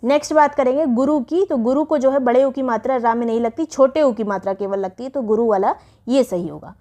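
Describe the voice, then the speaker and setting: Woman, high voice, Hindi teacher, exam-prep spelling lesson, repeats correct and wrong forms. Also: mellow. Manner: explains each word slowly, repeating correct and wrong forms.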